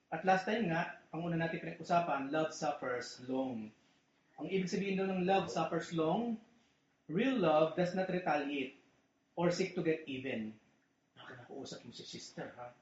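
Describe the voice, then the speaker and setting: A man's voice: fairly high pitch, lively intonation, moderate pace. A man preaching a casual, joking sermon in a church, often asking his listeners "di ba?". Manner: chatty, joking, asks "di ba?" often. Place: church hall. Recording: echoey, muffled church recording.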